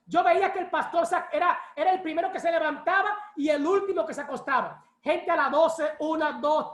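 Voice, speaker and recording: Woman pastor with a high voice, preaching a lively testimony, echoey church hall. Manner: lively storytelling, acts out quoted voices.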